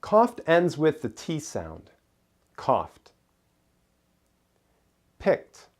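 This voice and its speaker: A man's voice: a little high, wildly swooping pitch, extremely slow. A man narrating a scripted English pronunciation lesson, carefully enunciating single words and example sentences.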